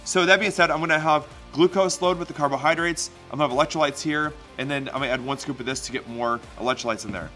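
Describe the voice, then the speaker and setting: A man's voice: a little high, fast talker, few pauses, bright, forceful tone, soft background music. A man talking casually as a fitness vlogger, explaining things in an instructive way and checking in with listeners. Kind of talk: casual explanatory vlog talk.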